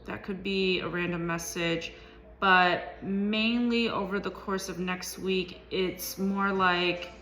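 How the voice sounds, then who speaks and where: A woman's voice: fairly low pitch, fairly even intonation, takes it slowly, a bit bright. A woman giving a casual tarot reading, talking loosely with many ums and likes. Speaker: tarot reader.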